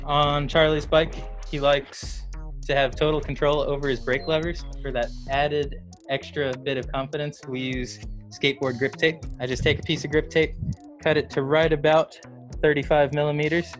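A man's voice: a little high, flat delivery, moderate pace, faint music behind. A man, a bike race mechanic, explaining step by step in a matter-of-fact way, outdoors. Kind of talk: casual how-to explanation.

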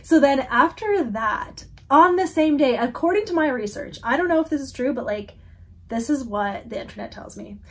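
A woman's voice: high voice, expressive, normal speed, husky. Chatty woman losing her voice. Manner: chatty and giggly, drops to near whispers. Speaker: book vlogger. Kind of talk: casual chat to camera.

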